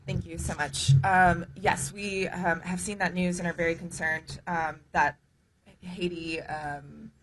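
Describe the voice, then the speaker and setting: Earnest woman advocate, low-pitched and halting. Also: level tone, fairly bright tone. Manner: earnest, hesitant, many ums. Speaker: human rights advocate. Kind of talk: press conference remarks.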